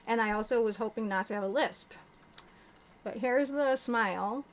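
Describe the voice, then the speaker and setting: A woman's voice: a little high, moderate pace. Woman chatting to her camera w new dentures in, lots of um and like, faint hiss behind. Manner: chatty, candid, fillers like um and like. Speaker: vlogger sharing denture experience. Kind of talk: casual talk to camera.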